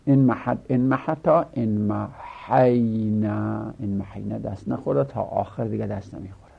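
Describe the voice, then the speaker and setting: A man teaching a seminary grammar lesson, chanting word forms in a slow, drawn-out recitation. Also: on the low side, creaky, husky, dull audio.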